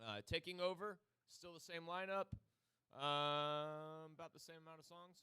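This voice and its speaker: A man's voice: fairly high pitch, moderate pace, bright, forceful tone, clean tone. Rambling, joking man with a New Jersey accent. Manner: rambling, joking, with exaggerated quoted voices. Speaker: podcast co-host. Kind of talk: casual chat about metal albums.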